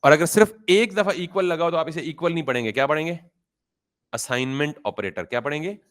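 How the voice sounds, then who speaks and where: A man's voice: on the high side, fast, a bit bright. A man teaching a beginner coding class. He explains with everyday examples, mixes in English terms, and keeps asking his students questions and answering them himself. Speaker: programming teacher. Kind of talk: classroom-style coding lesson.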